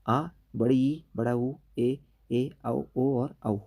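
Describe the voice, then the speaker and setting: A man teaching an exam-prep grammar lesson. His voice is deeply dark and mellow, and his pitch sits in an ordinary middle range. He walks through each point patiently and keeps checking in with the class as he goes. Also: fairly even intonation, very slow. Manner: explains step by step, tag questions like "ठीक है" after each point.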